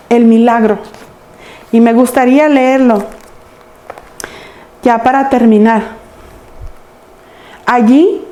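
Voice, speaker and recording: A woman's voice: a little high, dark tone, reverberant. A woman preaching a sermon, telling the story earnestly and addressing the congregation. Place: church sanctuary.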